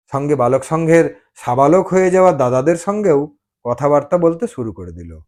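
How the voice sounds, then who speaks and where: A man narrates a dramatized audio love story, his storytelling expressive and full of dramatic pauses. His voice sits on the high side.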